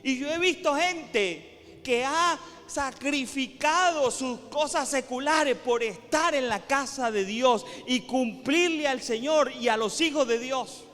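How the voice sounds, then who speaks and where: A man pastor preaching a sermon with passion, repeating phrases for emphasis and rising to shouts. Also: very high voice, slow, big-room sound. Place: church sanctuary.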